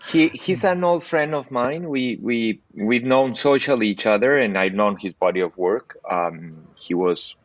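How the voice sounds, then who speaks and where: An older man from South America, a cinematographer telling stories on a video call interview, animated with frequent restarts. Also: a little slow, hardly any pauses, no echo, muffled recording. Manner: animated storyteller, lively pitch swings, frequent restarts. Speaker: cinematographer guest. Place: bright home room by window. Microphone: earbuds on video call.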